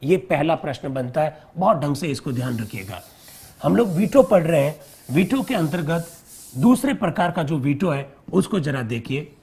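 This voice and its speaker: A man's voice: a little high, husky. A man teaching a live online civics lesson, explaining step by step, repeating key terms and quizzing his viewers.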